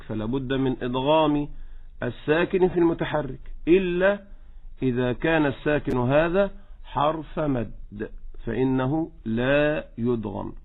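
A man's voice: mid-range voice, creaky. Male tajweed teacher on a tinny line. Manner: patient, corrective, models words slowly. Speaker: Quran recitation teacher. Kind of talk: tajweed lesson with recited examples.

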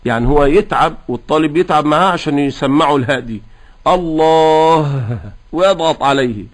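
A man teaching Quran recitation, explaining pronunciation rules patiently and chanting the verses in a slow, drawn-out melodic style. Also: on the high side. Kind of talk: tajweed lesson with recitation.

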